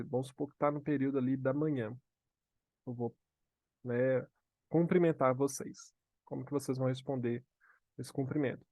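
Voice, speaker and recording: A man with a Brazilian Portuguese accent teaching a live online English lesson. He slows down to model phrases for students to repeat and checks in often with "tá?". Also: medium pitch, darkish tone, dry recording. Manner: frequent "tá?" check-ins.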